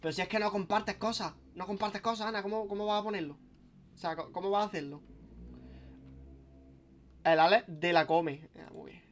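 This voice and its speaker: A young man streams and chats on and on. His voice sits somewhat high for a man, and his sentences restart often and carry casual swearing. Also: steady tone, moderate pace, pauses often, a bit bright, slight background noise. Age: young adult. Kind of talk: casual live-stream chat.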